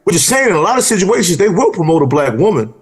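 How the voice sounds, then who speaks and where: Co-host, man, slightly high and animated voice, emphatic. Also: quick pace. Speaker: podcast co-host. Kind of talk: casual podcast chat.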